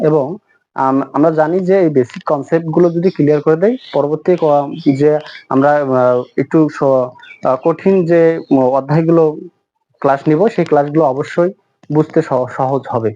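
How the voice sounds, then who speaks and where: A man teaching a spoken English lesson, who explains patiently, repeats himself, uses many fillers, and reads example sentences very slowly. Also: fairly high pitch, dark tone, muffled recording.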